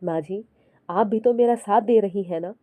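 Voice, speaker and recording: Fields: Figure: a woman doing a quiet, devoted young mother. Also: mid-range voice, normal speed, dry recording, close to an everyday voice. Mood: gentle. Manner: quiet, soft-spoken.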